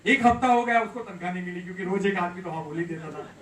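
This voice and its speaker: Male motivational speaker, high pitch, heard from far off in a hall, moves between loud and hushed delivery. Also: fast. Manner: storytelling, swings from loud to hushed. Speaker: network marketing speaker. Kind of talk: motivational seminar talk.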